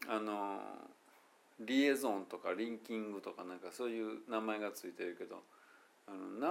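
In a relaxed solo lesson, a man with a Kansai Japanese accent chats through English pronunciation, slowly sounding out words to show how they go. His voice sits on the low side and has vocal fry.

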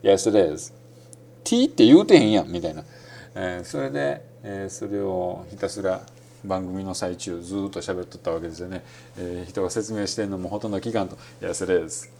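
A man with a Kansai Japanese accent giving a relaxed, rambling spoken lesson on learning English, full of fillers and with English phrases mixed in. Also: deep voice, fairly quick, creaky, a little hiss or hum. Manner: demonstrates English phrases in between. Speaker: English-learning podcast host.

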